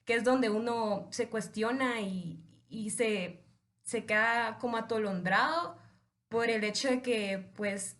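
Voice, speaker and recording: A young woman from Guatemala, a law student guest, explaining earnestly and at length in a casual podcast chat. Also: fairly high pitch. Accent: Guatemalan Spanish. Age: young adult.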